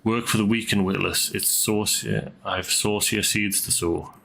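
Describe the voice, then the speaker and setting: A man's voice: fairly low pitch, fairly even intonation, a little slow, gravelly, sharp tone, full character voice, poor audio. A man reading as a salty, boastful seafarer. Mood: scornful.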